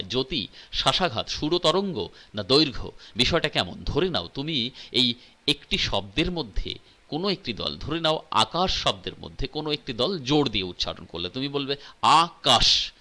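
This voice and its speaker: Lively, bright-voiced male teacher. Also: medium pitch. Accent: Bengali. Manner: quizzes the listener, reads options then explains. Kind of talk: recorded exam-prep lesson.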